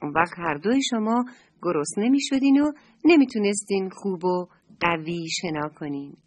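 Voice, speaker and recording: A woman voicing a kind mother in a children's story who explains things softly. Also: fairly low pitch, expressive, no room sound. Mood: gentle. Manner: soft, explaining. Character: gentle, patient mother creature.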